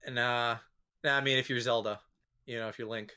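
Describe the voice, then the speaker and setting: A young man as a guest in a casual gaming chat, thinking aloud with fillers and making squeaky sound effects. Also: fairly even intonation, moderate pace, bright, forceful tone, clear, resonant tone.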